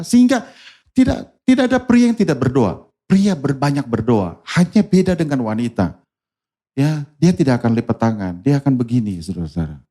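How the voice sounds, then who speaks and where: A man preaching to his congregation in a fairly high voice. He keeps it lively and conversational, throwing questions at the crowd and slipping into the voices of the people in his story. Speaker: pastor. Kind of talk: sermon. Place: church service.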